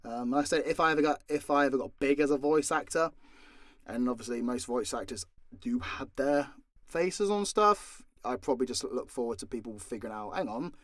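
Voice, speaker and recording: A voice actor and audio story creator from southern Britain speaks with a fairly high pitch, captured in clean studio sound without echo. With a southern English accent, he takes questions off the cuff in a casual Q&A, being blunt, making jokes and swearing a lot.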